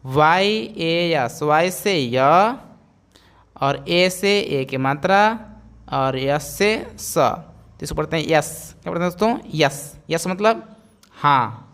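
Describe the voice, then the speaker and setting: Man, phonics teacher, smooth clear voice, spells and repeats words. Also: fairly high pitch, animated, a bit bright. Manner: slow, repeats each word and quizzes viewers. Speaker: English teacher.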